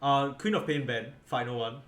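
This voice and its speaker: A man's voice: mid-range voice, normal speed, a bit bright. A tired man casting an esports match, rambling, correcting himself mid-sentence and leaning on fillers. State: tired, yawning. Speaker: esports caster. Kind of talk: casual game commentary. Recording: echoey room with faint background noise.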